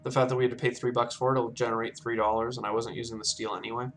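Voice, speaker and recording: A man's voice: medium pitch, completely flat delivery, rapid-fire, a bit bright. A man commenting casually on his own game as he plays, thinking aloud and talking himself through each choice. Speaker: gameplay commentator. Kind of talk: casual let's-play commentary.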